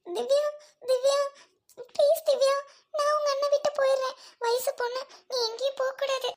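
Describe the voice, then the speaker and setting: A woman voicing a married woman who pleads and scolds in a high, strained voice in a short drama. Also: flat delivery, fairly quick. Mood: pleading. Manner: pleading, reproachful. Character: pleading married woman, older than the sister.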